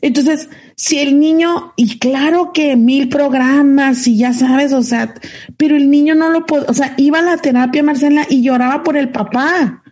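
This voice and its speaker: Mexican woman, co-host, mellow tone, chatty storyteller who restarts often. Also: high-pitched, moderate pace. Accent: Mexican Spanish. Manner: animated anecdote telling with restarts. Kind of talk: casual storytelling chat. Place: remote call from home.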